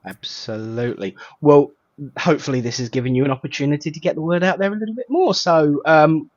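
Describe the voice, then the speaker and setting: A man's voice: on the high side, fast, no echo. Chatty Estuary English man, dry muffled sound. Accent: southern English Estuary. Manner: chatty, colloquial, jokey. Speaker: host of an online spiritual service. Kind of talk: informal welcoming of guests and viewers.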